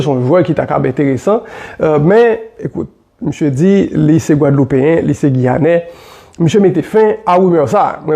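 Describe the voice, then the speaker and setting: A man with a Haitian accent delivers solo football commentary in a somewhat high, gravelly voice. His tone is warm and mellow rather than bright. He talks animatedly, repeating himself and filling pauses as he works through each point.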